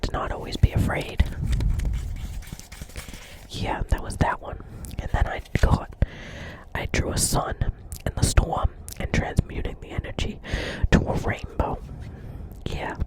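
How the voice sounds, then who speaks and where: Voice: measured pace, rough recording. A whispered role-play of a chatty, dreamy doctor's office receptionist with a New Jersey accent, rambling earnestly, repeating phrases and often checking in with the listener.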